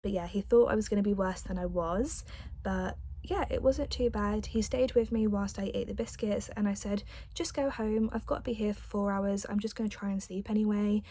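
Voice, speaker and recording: A woman's voice: mid-range voice, fairly even intonation, moderate pace, warm tone, no room sound. A young adult woman telling a personal story in a casual, chatty vlog style, with the odd light giggle. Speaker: vlogger.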